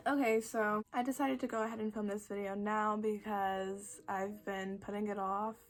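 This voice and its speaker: A 21-year-old woman with a croaky voice, chatting casually to camera in a rambling, self-deprecating way with dramatic emphasis. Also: medium pitch, little pitch movement, moderate pace. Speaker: video creator answering follower questions.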